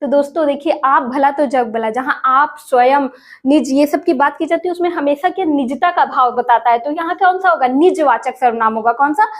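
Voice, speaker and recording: A woman's voice: high voice, moderate pace. A woman teaching an exam prep lesson, asking questions and repeating each answer for viewers. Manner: addresses viewers as friends, asks and repeats answers.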